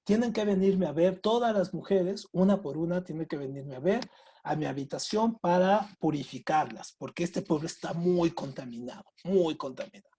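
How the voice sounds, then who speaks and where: A man's voice: a little high, moderate pace, breathy edge. A man voicing a young fake priest who preaches about the end of the world. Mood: preachy. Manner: lively storytelling retelling of a quoted speech.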